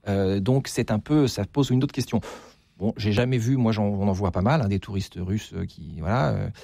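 A man's voice: on the low side, normal speed, gravelly, dark tone, no room sound, studio quality. A man being interviewed as an author, speaking hesitantly with many restarts and repeated words. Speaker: author, guest. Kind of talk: interview conversation.

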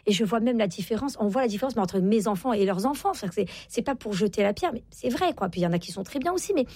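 A woman's voice: mid-range voice, lively intonation, very fast, a little mellow, husky, dry recording, clean studio sound. A woman in her forties, a guest author on a radio interview, talking with many fillers and restarts. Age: 40s.

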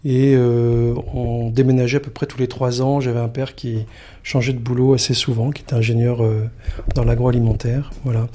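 A middle-aged man from the Paris region, speaking as a guest in a radio interview and pausing often with fillers. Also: mid-range voice, little pitch movement, warm tone. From Paris region, France. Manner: halting, many filler pauses. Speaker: sanctuary communications manager, guest.

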